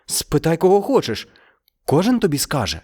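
A man's voice: fairly high pitch, huge pitch swings, normal speed, dark tone, breathy edge, pitched above the performer's own voice, full character voice. A man voicing a kind, honest villager pleading for justice in a storybook reading. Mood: earnest. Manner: earnest, pleading.

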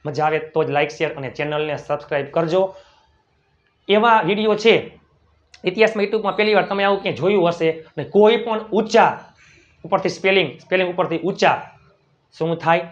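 A man teaching spoken English who drills each word slowly and checks in with viewers, then rushes through his asides. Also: high voice, highs cut off.

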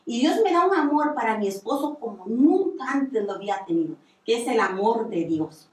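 A woman's voice: a little high, expressive, moderate pace, darkish tone. A woman giving a religious testimony on the radio, telling her story earnestly with many repetitions. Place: radio studio. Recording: echoey room, distant mic.

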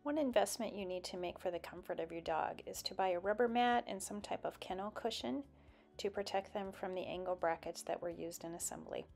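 A woman's voice: medium pitch, a little fast, gravelly, a little mellow, soft background music. A woman narrating a step-by-step build tutorial in a plain, explanatory voice-over.

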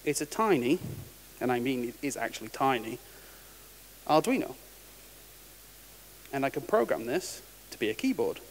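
Very animated yet moderately paced, a medium-pitched man pauses often during his casual, wry technical conference talk and frequently restarts words. The large hall gives the recording reverberation and a faint hiss.

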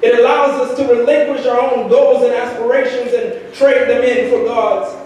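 A man's voice: very high voice, level tone, moderate pace, a little mellow, slight background noise. A young man preaching a sermon from the pulpit, with rhythmic repeated phrases that swell into sung climaxes. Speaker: lay preacher. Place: large church sanctuary. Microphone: handheld mic at pulpit. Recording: echoey church from far off.

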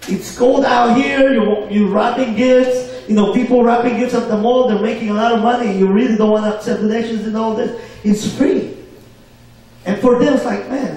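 Male preacher, high voice, call-and-response delivery, booming church echo, distant mic. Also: mellow. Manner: call-and-response, asks for amens. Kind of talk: sermon. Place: church hall. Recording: very echoey hall, mic far off.

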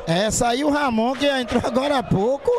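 A man's voice: very high-pitched, normal speed. A man with a Bahian accent reporting live on a football match from an outdoor ground. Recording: clear stadium crowd noise.

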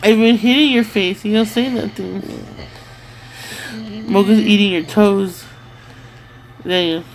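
A woman's voice: medium pitch, fairly even intonation, slow, pauses often. A woman in casual chat, teasingly prodding a sleep-talking partner with repeated questions. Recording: noisy home recording.

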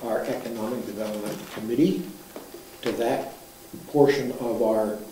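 A man asks a hesitant question at a town council meeting and repeats words as he goes. He sounds far from the mic in a very echoey chamber, with a clear hiss under his voice. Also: medium pitch, steady tone, normal speed, mellow. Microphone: far room mic.

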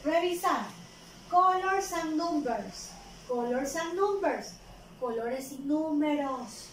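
Very slow, high-voiced Mexican woman teacher. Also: animated. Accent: Mexican Spanish. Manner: slow, repeats each word, translates into Spanish. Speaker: kindergarten English teacher. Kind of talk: bilingual vocabulary lesson for small children. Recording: echoey room from far off, faint noise.

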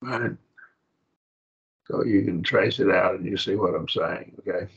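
Gravelly, husky older-sounding man teaching. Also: low-pitched, muffled recording. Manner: halting, repeats words, asks the class if it makes sense. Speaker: Bible class teacher. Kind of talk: classroom Greek lesson.

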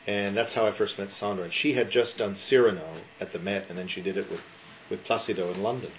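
A man's voice: fairly low pitch, steady tone, quick pace. A man in his sixties talking enthusiastically at a dinner gathering, rambling with many restarts and asides. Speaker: concert sponsor and guest speaker. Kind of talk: casual after-dinner talk. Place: wood-panelled dining room with a seated crowd. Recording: noisy room recording.

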